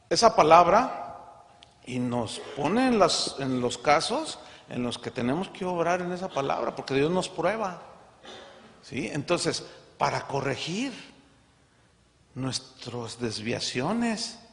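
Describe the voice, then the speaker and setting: A man preaching a sermon as pastor, emphatic and full of rhetorical questions. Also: on the high side. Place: large conference hall. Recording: long hall reverb.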